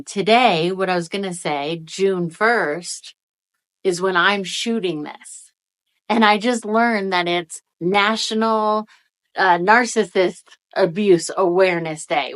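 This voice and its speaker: A woman giving a casual, encouraging, emphatic motivational talk to viewers, speaking out of the side of a mouth numb from the dentist. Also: medium pitch. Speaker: spiritual energy-reading video host.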